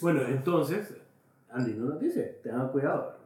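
A man telling a story in a casual group chat, animated and laughing as he goes. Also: mid-range voice, a little slow, far from the mic. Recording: very echoey room.

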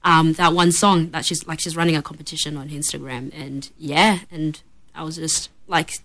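A woman's voice: low-pitched, steady tone, normal speed, fairly bright tone. A young woman from Tanzania, a musician guest in a studio, chatting casually with plenty of ums and laughs. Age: young adult. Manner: chatty, giggly, lots of ums and likes. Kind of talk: casual chat. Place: radio studio.

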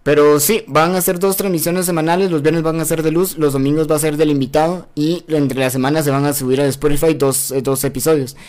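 A man's voice: a little high, steady tone, brisk, hardly any pauses, darkish tone. Mexican man hosting a crude live podcast. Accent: Mexican Spanish. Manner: crude, joking, laughs often. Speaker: podcast host. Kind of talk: casual live-stream chat. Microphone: close mic.

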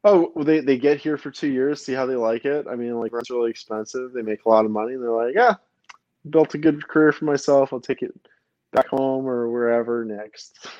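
A Brooklyn podcast host chats casually, rambling with plenty of fillers and restarts. His medium-pitched, darkish voice runs a little fast, and the sound is dull, lo-fi, and dry with no room sound.

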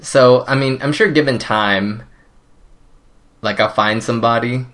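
A young man whose first language is Cantonese chats casually and laid-back, his talk full of fillers and hedges. His voice is mid-range and a bit bright, at a measured pace.

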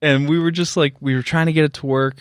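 A man co-hosting a podcast in casual chat, animated and laughing often, with plenty of fillers. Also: fairly high pitch, fast talker, smooth, no echo, clean studio sound. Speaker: podcast co-host.

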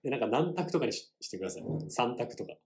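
A young man co-hosts a casual podcast, his speech quick and full of lively rises and falls. He jokes politely and sets small quiz questions for his partner. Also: mid-range voice. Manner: polite, joking, quiz-giving. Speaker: podcast co-host. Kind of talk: casual chat.

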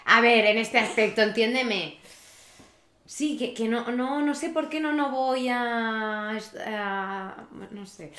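A woman's voice: on the high side, takes it slowly, a bit bright. A woman co-hosting a podcast, chatty and encouraging, her sentences often trailing off. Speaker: podcast co-host. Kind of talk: casual podcast chat. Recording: echoey room.

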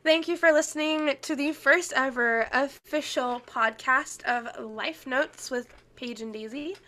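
A young woman co-hosts a casual podcast chat, sounding stuffy and congested from being sick, laughing often and saying "um" a lot. Her high-pitched voice is unhurried with a sharp tone.

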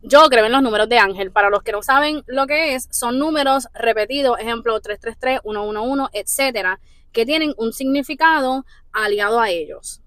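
A woman hosts a relaxed podcast conversation, her voice bright and somewhat high. She tells stories excitably, and the recording is close and dry. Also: brisk, no echo. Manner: lively, excitable storyteller. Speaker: podcast host. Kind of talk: casual podcast chat.

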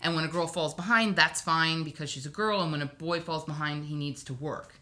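A woman from Hawaii chats on a podcast. Her voice sits a little low but sounds bright and forceful. She tells personal stories in a wry, digressive way, full of asides. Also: a little fast. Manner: chatty, wry storytelling with asides. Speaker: podcast guest. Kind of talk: casual podcast chat.

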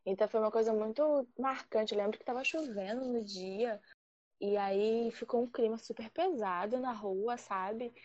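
A woman from Rio de Janeiro, telling a personal story in a lively, animated way and acting out the quotes. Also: on the high side, moderate pace, highs cut off. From Rio de Janeiro, Brazil. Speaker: guest storyteller.

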